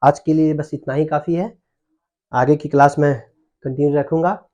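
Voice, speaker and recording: Young guy teaching grammar, kinda high voice, keeps asking if u got it. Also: steady tone, mellow, muffled recording. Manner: explains slowly, checks understanding with repeated questions. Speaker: Hindi teacher. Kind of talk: classroom grammar lesson.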